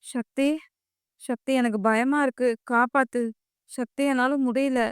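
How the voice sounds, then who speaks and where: A woman's voice: sits high, fairly even intonation, unhurried, smooth, no room sound, clean studio sound. Give me a terrified young woman pleading breathlessly in an audio drama, read by a woman. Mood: panicked. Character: frightened young woman calling for help.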